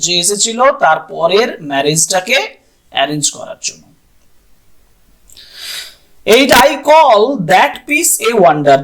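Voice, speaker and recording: A Bengali-accented teacher gives an exam-prep lesson in Bengali and English, explaining exam questions, repeating each point in both languages and spelling out words. The voice is medium in pitch and a bit bright.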